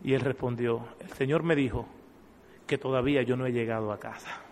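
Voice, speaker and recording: A man preaching a sermon, impassioned, swelling loud and dropping low. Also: steady tone, brisk, slight background noise. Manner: impassioned, swells and drops in volume. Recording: long church hall reverb.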